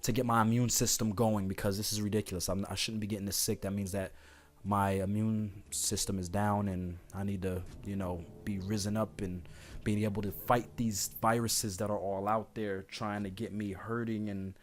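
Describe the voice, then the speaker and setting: With a video game going in the background, an online talk-series host who sounds a bit hoarse from being sick rambles through advice in an informal, conversational way, speaking directly to listeners. His lowish voice barely shifts in pitch and moves at a normal speed. Clear background noise and game sounds can be heard.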